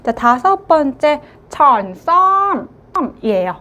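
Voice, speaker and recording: A woman teaching a language lesson, modelling each word slowly and drawing out the sounds, with frequent filler words. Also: sits high, lively intonation, highs cut off.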